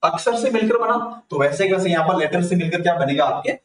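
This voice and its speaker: A man's voice: high-pitched, expressive, brisk. Man, rajasthani hindi accent, online grammar lesson, mic far away, faint hum behind. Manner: asks the class and answers himself. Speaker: tutor. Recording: echoey room, mic far off.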